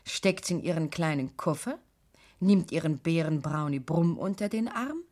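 A woman tells a children's story as narrator, calm and clear. She speaks at an even, mid-height pitch with a steady, scripted storybook delivery. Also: unhurried.

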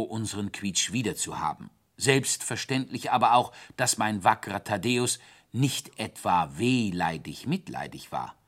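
A man narrating a children's story in the first person, with animated, dramatic delivery. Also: fairly low pitch.

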